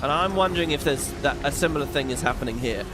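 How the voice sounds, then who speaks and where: A man's voice: mid-range voice, lively intonation, quick pace. A man giving casual, opinionated gameplay commentary as a streamer, swearing freely. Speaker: game streamer. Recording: game music behind the voice. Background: game music.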